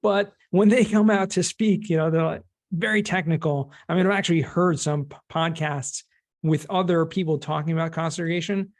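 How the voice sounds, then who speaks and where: A middle-aged man from California with an American accent appears as a guest in a conversational podcast interview, explaining things in plain words. A cost segregation expert and former teacher, he speaks in a slightly high, steady voice at a normal speed.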